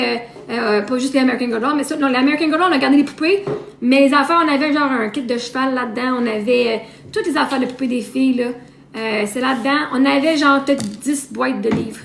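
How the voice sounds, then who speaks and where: A woman with a Québécois accent chats on a live stream in a high, gravelly voice, wandering from item to item and repeating herself as she goes. The sound is roomy and echoey, with a faint hiss under it. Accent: Québécois French. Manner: rambling, repeats herself while listing things. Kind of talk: casual live-stream chat. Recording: roomy echo, faint noise.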